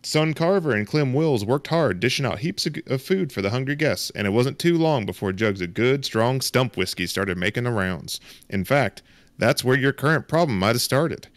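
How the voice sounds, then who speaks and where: A man doing a folksy mountain storyteller with a put-on Southern drawl, pitched well above his usual voice. The reading is loud and declaiming. It is scripted tabletop narration delivered aloud. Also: animated, normal speed, no echo, close to an everyday voice. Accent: put-on American Southern.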